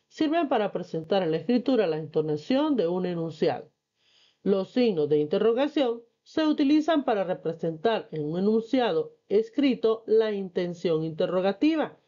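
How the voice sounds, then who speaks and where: A woman teacher reading and explaining a textbook lesson, patient and clear. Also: medium pitch, warm tone, muffled recording.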